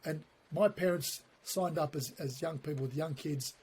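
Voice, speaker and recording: A man, a podcast guest telling stories in a lively, animated way and acting out the dialogue. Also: fairly high pitch, normal speed, husky. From born in Turkey, raised in Australia. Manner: animated storyteller who acts out dialogue. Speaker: guest, comedy writer. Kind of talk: casual podcast conversation.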